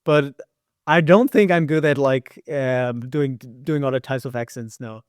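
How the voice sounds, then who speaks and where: A man's voice: medium pitch, a little slow, clean tone, no room sound, studio quality. A man from the Netherlands with a Dutch accent tinged with American, telling stories as a guest in casual talk, with many fillers and repeated words. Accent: Dutch, partly American. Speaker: guest filmmaker and hiker. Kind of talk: casual interview storytelling.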